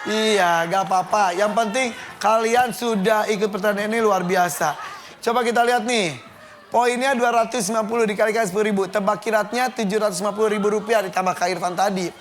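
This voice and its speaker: A middle-aged man hosting a TV game show in a studio, playful and teasing with the players and shouting out the results. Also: high voice, fairly even intonation, a little fast. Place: television studio with live audience. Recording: studio audience and backing music.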